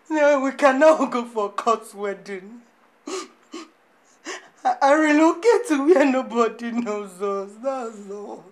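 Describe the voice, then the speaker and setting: A woman's voice: fairly high pitch, animated, takes it slowly, long pauses. An actress playing a pregnant young woman pleading with her lover, tearful.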